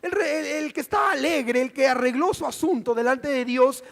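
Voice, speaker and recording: A middle-aged man with a Mexican Spanish accent preaching a sermon as pastor, animated and acting out the voices he quotes. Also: very high-pitched, moderate pace, vocal fry. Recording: church hall reverb.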